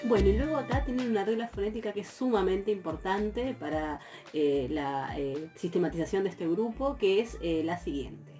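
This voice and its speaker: A woman's voice: mid-range voice, moderate pace, warm tone, soft background music. A woman from Argentina, teaching a university Greek grammar class with patient explanations and frequent fillers. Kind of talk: recorded lecture.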